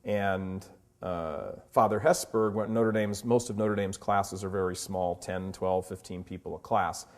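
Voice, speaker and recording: A man in his fifties giving impassioned commentary, firing rhetorical questions and slowing down to stress his words. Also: lowish voice, darkish tone. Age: 50s.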